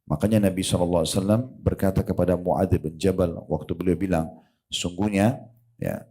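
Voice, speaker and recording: A man's voice: deep voice, warm tone, slightly rough. A middle-aged man giving a religious lecture, telling stories and speaking directly to the women listening. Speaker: preacher.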